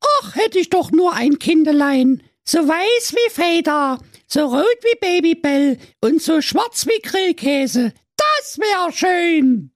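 A shrill, whiny fairy-tale girl of fifteen squeals her lines high above a normal voice, her pitch leaping all over, as a man acts her out. She is bratty and crude. The sound is dry and close. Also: big pitch swings, slow, few pauses, no echo, exaggerated voice. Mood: pleading. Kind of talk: comic fairy-tale parody.

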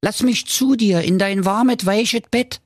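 A man's voice: sits high, slow, no room sound, clean studio sound, pitched above the performer's own voice, exaggerated voice. Man playing a cheeky pushy frog. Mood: wheedling. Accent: Berlin.

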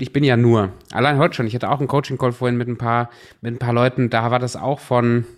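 A man hosting an interview, asking the guest long questions. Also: mid-range voice. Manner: engaged interviewer, asks long searching questions. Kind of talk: conversational interview.

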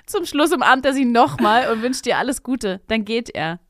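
A woman's voice: fairly high pitch, normal speed, no echo, clean studio sound. A woman co-hosting a podcast, reading a listener's story aloud and breaking off for casual chat. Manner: steady storytelling read with chatty asides. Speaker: podcast co-host.

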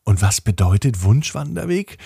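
A man voicing a curious, eager young girl in a storybook, asking excited questions. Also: on the low side, normal speed, creaky, husky, no room sound, clean studio sound, heavily acted. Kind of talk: storybook narration.

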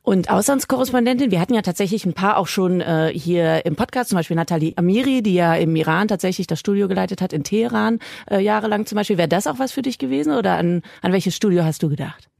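A woman's voice: medium pitch, fast talker, creaky, few pauses, darkish tone, dry recording, studio quality. A woman hosting a podcast interview, asking casual, probing questions. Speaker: podcast host.

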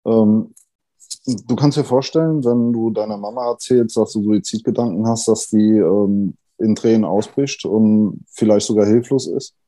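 A man in his thirties, a podcast guest, talking candidly and thoughtfully with many pauses and fillers. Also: fairly low pitch, dark tone. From Germany, Italian family. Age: 30s. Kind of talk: candid conversation.

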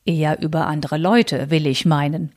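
A woman reading aloud and voicing a determined, free-thinking young woman writer who calmly stands her ground. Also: low voice, normal speed.

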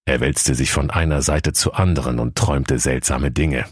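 A man tells a comic fairy tale with playful, mock-solemn relish. His voice is extremely deep. The recording is dry and close. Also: normal speed, husky, no echo. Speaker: narrator. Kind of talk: comic scripted narration.

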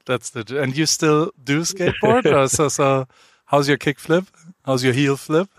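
A man's voice: on the high side, a little slow, no room sound. A man hosting a podcast, chatting casually and teasing his guest in a playful way. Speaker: podcast host. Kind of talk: casual interview chat.

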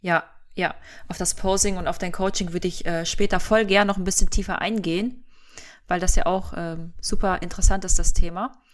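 A woman's voice: lowish voice, steady tone, moderate pace. German woman hosting a podcast. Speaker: podcast host. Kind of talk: casual podcast interview.

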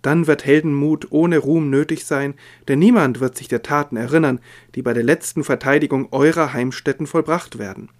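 Grave heir of kings, read by a man, calm, measured, sermon reading. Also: fairly high pitch, lightly acted. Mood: stern. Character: grave heir of kings, stern male warrior.

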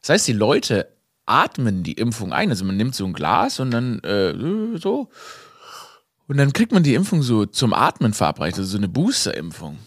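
A young man hosting a podcast, telling a comic story in a lively way, dropping English phrases and laughing at himself. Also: medium pitch, moderate pace, husky, dry recording, studio quality. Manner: animated, mixes in English phrases and laughs at his own story. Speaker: podcast host.

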